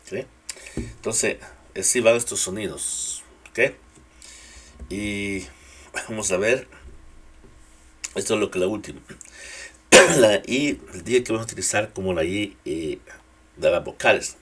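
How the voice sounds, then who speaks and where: A man teaching English pronunciation to other speakers in a relaxed, casual way, repeating each example word slowly. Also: lowish voice, husky. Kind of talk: casual spoken English lesson.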